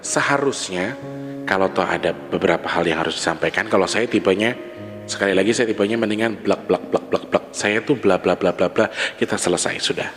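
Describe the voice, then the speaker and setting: A man talking candidly in a casual confessional monologue, repeating himself and laughing softly now and then. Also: low voice, a little fast. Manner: candid, repetitive, with frequent soft laughs. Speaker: vlogger. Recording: long reverb with background music.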